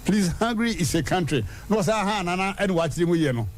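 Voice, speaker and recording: A man hosting a radio show, telling a story in a lively way and leaping high in pitch for punchlines. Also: fast talker. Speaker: radio host. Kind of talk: animated radio storytelling and proverbs. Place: radio studio.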